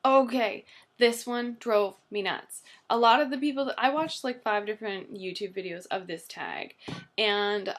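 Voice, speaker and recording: Giggly Canadian woman with vocal fry. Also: mid-range voice, a little slow. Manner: rambling, giggly, self-deprecating. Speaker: vlogger. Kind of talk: casual vlog chat.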